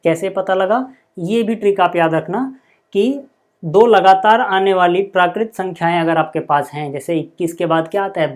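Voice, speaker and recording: Man, maths teacher, blackboard lesson, patient, step by step, slow dictation of numbers. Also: high voice. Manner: patient step-by-step explaining, dictates numbers slowly, constant "theek hai" check-ins.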